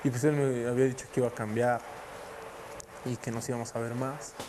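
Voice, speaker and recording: A man speaks in a halting, soft-spoken way, recalling a painful memory for an interview. His voice sits at a middle pitch. A clear layer of background noise runs under the recording. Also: flat delivery. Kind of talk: recounting a personal memory.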